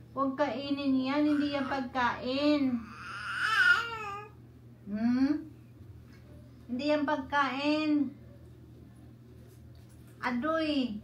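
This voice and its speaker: Cooing high-voiced woman doing baby talk. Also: fairly even intonation, extremely slow, pauses often, highs cut off. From Philippines. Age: 30s. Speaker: vlogger. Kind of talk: casual home vlog, talking to babies. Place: family home, indoors. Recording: echoey room, faint noise.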